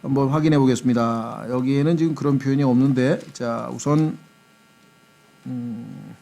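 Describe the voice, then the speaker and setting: A man's voice: medium pitch, moderate pace, gravelly, dark tone. A man who is a pastor, preaching an expository Bible sermon in a conversational, joking way and mimicking accents. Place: church.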